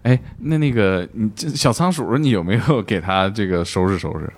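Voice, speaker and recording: A man hosting a casual interview, expressive and quick to react with short interjections. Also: lowish voice. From Northeast China. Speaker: podcast host.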